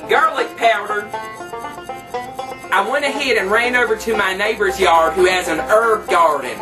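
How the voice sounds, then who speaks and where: Speaking a little slowly in a high voice, a man takes on the role of a campy, thrifty trailer park queen for a cooking show. He cheerfully instructs through a folksy, tongue-in-cheek home cooking demo in a small kitchen, heard through a distant camera mic over music.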